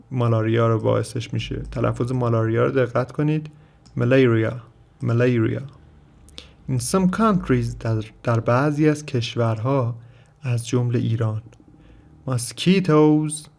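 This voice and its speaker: An English teacher whose first language is Persian gives a vocabulary lesson, reading English phrases slowly and carefully before explaining them at length. His voice is gravelly and creaky at an ordinary middle pitch, a little mellow, with keyboard clicks in the background.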